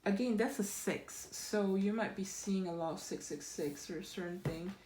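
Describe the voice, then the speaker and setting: A woman giving a pick-a-card tarot reading in an unhurried, reassuring way, often checking in with "right?" and filling pauses with "um". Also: medium pitch, background noise. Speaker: tarot reader.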